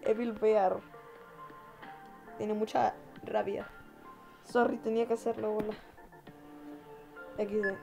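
A woman giving excitable, chatty gameplay commentary, pleading and shouting at the screen while talking to viewers. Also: mid-range voice, measured pace, vocal fry, pauses often, music in the background. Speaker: gamer playing online.

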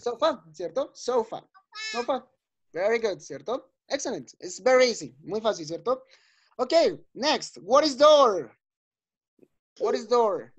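A male teacher leading an online class for young children. He is patient and encouraging, repeating each word slowly and checking in often. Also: very high voice, sing-song, husky. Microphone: video call. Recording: dull lo-fi video call audio.

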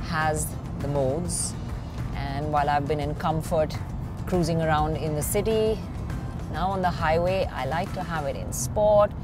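Moving from an underwater observatory to the inside of a car, a middle-aged travel host and motoring journalist narrates and comments on camera. Her voice sits low as she eagerly describes both sights and car features. Loud background music accompanies her.

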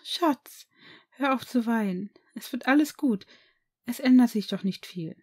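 A woman reading aloud as a gentle, caring noble mother in a fan-fiction audiobook, speaking softly and reassuringly. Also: on the high side, normal speed, slightly rough, voice pushed up. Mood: tender.

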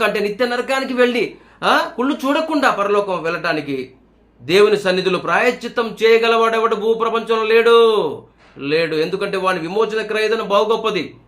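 A man preaching a sermon, earnestly questioning his listeners and slowing down to read scripture aloud. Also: high-pitched, fairly bright tone.

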